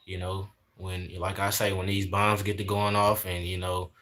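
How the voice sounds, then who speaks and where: A man's voice: low-pitched, monotone, normal speed, fairly bright tone. A man in his twenties chatting casually on a livestream, preaching in a repetitive way and sprinkling in "man" and "y'all". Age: 20s. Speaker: livestream host.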